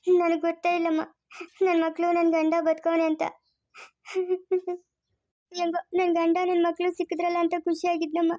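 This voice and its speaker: A woman's voice: very high voice, completely flat delivery, normal speed, pauses often, dark tone. A woman playing a weeping mother begging. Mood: tearful pleading. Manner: begging, emotional. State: crying. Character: tearful mother pleading for her children. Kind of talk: family drama acting.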